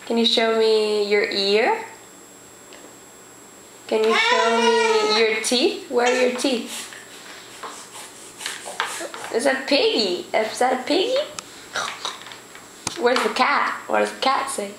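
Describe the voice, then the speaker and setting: High, slow sing-song woman coaxing a toddler. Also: very animated. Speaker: parent quizzing a toddler. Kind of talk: home video baby talk. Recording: echoey room, faint noise.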